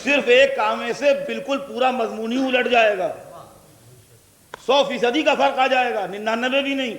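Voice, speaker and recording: Speaking in a very high, slightly bright voice with fairly even intonation, a Lucknow Urdu preacher addresses a large gathering in a hall for a majlis. He leans on repeated examples and asks the audience questions, captured on a reverberant 1982 tape.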